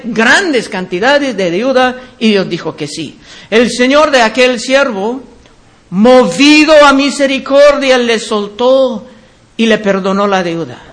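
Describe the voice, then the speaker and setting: A man preaching in a very high voice, taking his time over each phrase. He speaks earnestly, admonishing his congregation and calling them brothers. The tone is that of a pastor delivering a sermon. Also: a bit bright.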